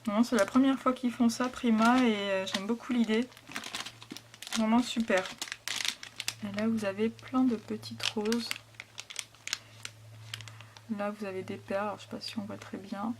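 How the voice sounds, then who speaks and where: A woman hosting a casual scrapbooking haul, talking softly and hesitantly with frequent fillers. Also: mid-range voice, fairly even intonation, unhurried, long pauses, background noise. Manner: soft, hesitant, lots of fillers. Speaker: scrapbooking vlogger. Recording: packaging crinkles and clicks behind.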